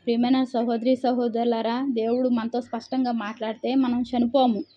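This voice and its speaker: A woman with a fairly high, rather monotone voice reads scripture and preaches at a moderate pace, answering her own rhetorical questions. The audio sounds dull.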